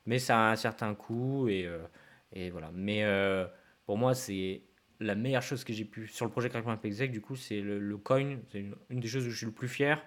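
A man's voice: fairly low pitch, normal speed. A man hosting a podcast interview, talking casually and informally with lots of hesitations and filler sounds. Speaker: podcast host.

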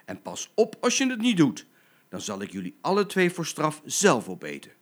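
An older man voicing a stern, fierce mother lioness who talks in a forceful, scolding way in a storybook. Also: medium pitch, very animated, moderate pace. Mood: angry.

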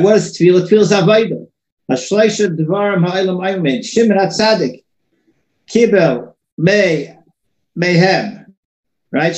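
A man's voice: on the high side, darkish tone. A man giving an informal religious lesson, talking loosely and often repeating and restarting his words, heard in an echoey room. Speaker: religious teacher.

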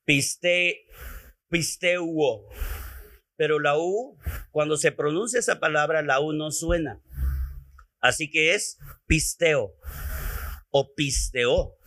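A man's voice: on the high side, slow, long pauses, pushed and bright. A man with a Mexican accent preaching a teaching sermon, repeating phrases and calling his listeners beloved.

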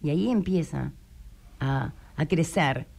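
Guesting on a radio interview, a woman who works as a writer and coach speaks with a Rioplatense Spanish accent in a deep, unhurried voice that is creaky with a breathy edge. She explains her ideas with liveliness, frequently imitating the voices of those she quotes.

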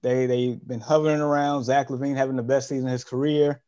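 A man's voice: medium pitch, level tone, fast talker, mellow, clear, resonant tone, muffled recording. A man co-hosting a sports podcast in casual chat, talking conversationally and correcting himself as he goes. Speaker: podcast co-host.

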